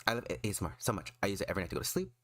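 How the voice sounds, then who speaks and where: Animated low-voiced man, excitable streamer. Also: rapid-fire, dry recording. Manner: excitable, self-deprecating, emphatic. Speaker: streamer and artist. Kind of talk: casual livestream chat.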